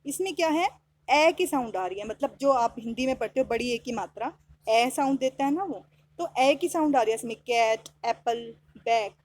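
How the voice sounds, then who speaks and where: A woman teaching an English lesson, explaining in Hindi and reading English sentences slowly, spelling out words letter by letter. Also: high voice, expressive.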